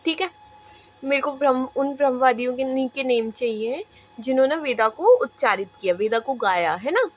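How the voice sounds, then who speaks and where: A woman's voice: high voice, animated, no room sound. A woman teaching an exam-prep history lesson, repeating each point and often checking in with her students while mixing English terms into Hindi. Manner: repetitive, checks in with "है ना"; drills points by slow repetition. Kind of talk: classroom lecture.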